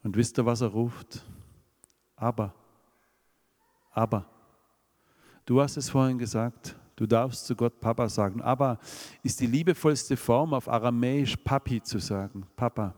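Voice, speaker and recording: A man's voice: mid-range voice, normal speed, darkish tone. Man, Swabian accent, preaching a sermon, rhetorical questions, reverberant hall.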